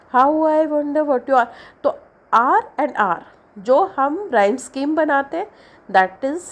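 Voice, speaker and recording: A woman teaching an English syllabus lesson in Hindi, explaining slowly and stretching out the example words. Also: on the high side.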